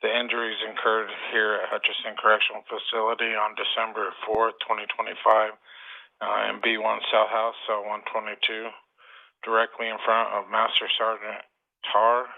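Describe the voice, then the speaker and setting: Man on a tinny speakerphone, flat gravelly voice. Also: on the low side. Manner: formal, deliberate, frequent "uh" pauses. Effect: heard over a speakerphone line. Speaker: claimant calling in. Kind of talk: reading a prepared formal statement.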